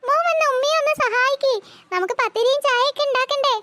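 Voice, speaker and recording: A performer voicing a sweet cartoon mother coaxing her son to help. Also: quick pace. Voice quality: very high-pitched. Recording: loud background hiss.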